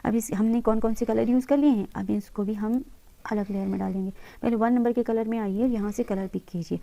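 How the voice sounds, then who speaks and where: A woman teaching interior design, patiently walking viewers through each step of a software tutorial and mixing English terms into her talk. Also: a little high, steady tone, brisk, vocal fry. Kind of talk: screen-recorded software tutorial.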